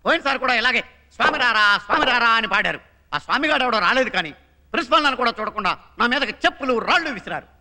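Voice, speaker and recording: A blustering, bossy college head in a film comedy. He barks out orders in a very high, bright voice at a rapid clip. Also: expressive, full character voice. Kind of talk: comic film acting.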